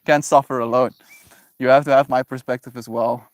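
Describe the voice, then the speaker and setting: Man, livestream host, casual chat, animated, laughs a lot, mid pitch, dry close sound. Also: fairly quick, no room sound. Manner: animated, laughs often, talks back to chat.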